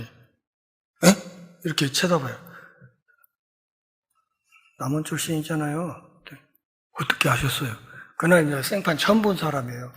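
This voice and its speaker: A middle-aged man delivers an expository sermon with a bright, forceful voice that sits a little high. He tells anecdotes in a lively way and acts out short snatches of quoted dialogue for his congregation. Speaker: pastor.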